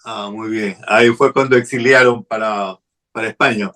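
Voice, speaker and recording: Host: man, bright forceful tone, short friendly questions. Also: on the low side, steady tone, normal speed. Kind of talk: interview hosting.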